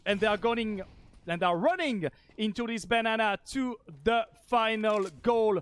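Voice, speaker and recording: A man with a Spanish accent calling esports play-by-play, excitable and shouting on big plays. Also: sits high, a little slow, smooth. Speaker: esports caster.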